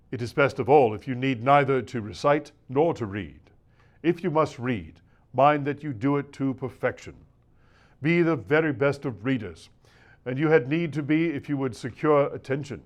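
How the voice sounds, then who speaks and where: A man giving a scripted reading of a nineteenth-century lecture to preachers, in a measured, oratorical delivery with shifting emphasis. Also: mid-range voice. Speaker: reader of a classic lecture.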